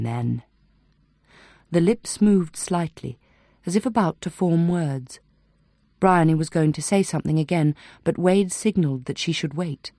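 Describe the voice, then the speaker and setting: Audiobook narrator, woman, measured and even, low warm tone. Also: no echo, studio quality.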